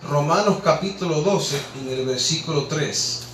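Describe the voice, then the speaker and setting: Preacher guy, fiery and scolding, high voice, mic far off in a roomy hall. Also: moderate pace, fairly bright tone, soft background music. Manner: impassioned, rhetorical, scolding. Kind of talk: sermon. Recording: echoey room, distant mic, faint ambience.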